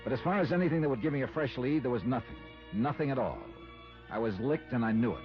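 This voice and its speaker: Brooding and intent, the narrator of this 1950s radio detective show is an American actor voicing a shrewd, weary insurance investigator in clipped hard-boiled style. He speaks fast and expressively at a medium pitch close to his everyday voice, heard through muffled vintage audio with music.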